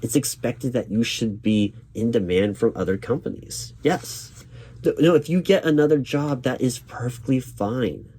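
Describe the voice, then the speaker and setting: A man role-playing a job interviewer, reassuring and accommodating, halting and repeating his words as he goes. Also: medium pitch, expressive, mellow, slightly rough. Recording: lo-fi, noisy, clacking keyboard typing. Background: computer keyboard typing.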